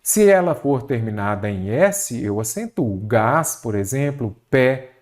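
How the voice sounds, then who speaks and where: A man's voice: medium pitch, expressive, unhurried, a little mellow. A man with a Brazilian Portuguese accent teaching an online exam-prep grammar lesson, asking rhetorical questions and answering them himself.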